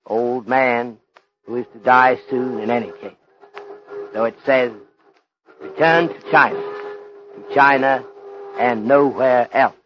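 Philosophical Chinese detective, played by a man: ornate, measured phrasing, mid-pitched, muffled old radio-play recording. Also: little pitch movement, a little hiss or hum, natural voice. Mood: firm, instructive. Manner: formal, deliberate, ornate speech dropping articles. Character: courteous, stern, philosophical Chinese police detective. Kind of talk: old radio drama acting.

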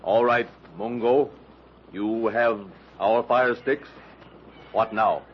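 An actor playing a calm, commanding ape man hero in a terse, deliberate way, in 1930s radio drama style. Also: fairly low pitch. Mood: calm, firm. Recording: dull, noisy old radio recording.

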